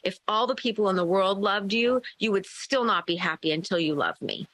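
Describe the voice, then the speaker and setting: A woman's voice: medium pitch, fairly quick, background noise, natural voice. A woman voicing her inner rageful twelve-year-old self within a story, an accusing girl figure.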